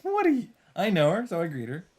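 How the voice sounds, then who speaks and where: This let's player has a high-pitched voice that swoops wildly, with a quick pace and a breathy edge. He reads a visual novel's narration and adds wry asides as the game's music plays loudly underneath.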